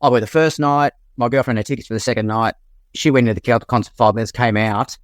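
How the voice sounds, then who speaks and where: A man's voice: medium pitch, steady tone, fast, smooth, no room sound, studio quality. An Australian man in his fifties telling rambling anecdotes with restarts in a casual chat. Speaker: guest. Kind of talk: casual storytelling.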